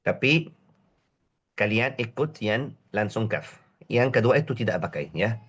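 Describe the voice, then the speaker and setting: A man with a cold teaching a tajweed lesson online, drawing Arabic words out slowly to demonstrate their pronunciation and drilling short syllables again and again. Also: lowish voice, very animated, a bit bright, highs cut off. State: has a cold. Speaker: Quran recitation teacher.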